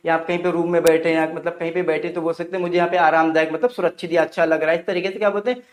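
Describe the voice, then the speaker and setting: A man's voice: on the high side, fairly even intonation, racing, echoey room. A Hindi-speaking man with an Indian English accent teaching English pronunciation, asking questions and answering them himself. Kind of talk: online English pronunciation lesson.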